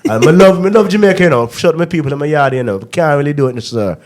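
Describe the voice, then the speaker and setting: Loose stories pour out fast from this young man hosting a podcast, his fairly high voice full of lively intonation. It's casual chat, and he frequently asks "you know what I mean."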